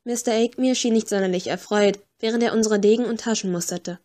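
A woman's voice: medium pitch, brisk, warm tone. A woman giving scripted first-person audiobook narration in a dry, wry storytelling manner.

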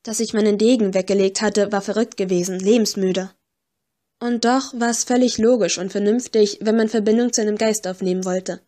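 Female audiobook narrator; measured, expressive, medium pitch. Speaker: audiobook reader. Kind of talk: first-person audiobook narration.

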